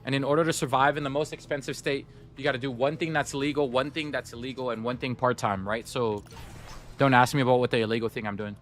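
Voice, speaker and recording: This man, whose first language is Somali, speaks fast in a medium-pitched, steady and slightly bright voice. He's casually and cheerfully chatting straight to his live-stream audience as he plays.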